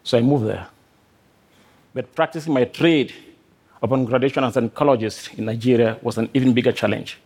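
A middle-aged man from Cameroon, a scientist giving a prepared talk on stage, speaking earnestly in short measured phrases. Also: mid-range voice, a little mellow. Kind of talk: prepared talk to a live audience.

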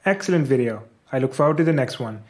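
A man's voice: mid-range voice, expressive, fast talker, a little mellow, natural voice. A man with a Pakistani accent voicing blunt, dismissive adult male internet commenters. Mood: snarky.

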